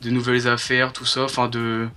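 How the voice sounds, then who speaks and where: Man playing troubled, halting caller, flat-toned, over the phone. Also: medium pitch, smooth, close to an everyday voice. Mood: nervous, explaining. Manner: halting, rambling. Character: troubled, bullied young gang member seeking help. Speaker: prank caller. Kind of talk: prank phone call.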